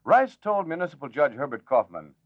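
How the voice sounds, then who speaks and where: A man reading a formal radio news bulletin in a measured announcer manner, heard as an old newsreel-style broadcast. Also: on the high side, sing-song, no room sound. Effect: old newsreel-style broadcast sound. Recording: dull lo-fi old radio recording, dry.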